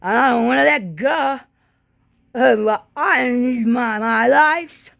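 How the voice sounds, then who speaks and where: A woman giving a rambling spoken monologue in disjointed, halting, drifting phrases. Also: a little high, creaky, fairly bright tone, no echo.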